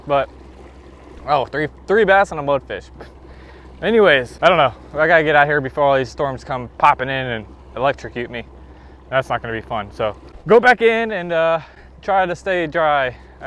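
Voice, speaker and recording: Fishing from a kayak on an open lake, a young vlogger chats casually to himself and the fish, laughing now and then. His fairly high-pitched, slightly bright voice is recorded by an action camera mounted on the boat.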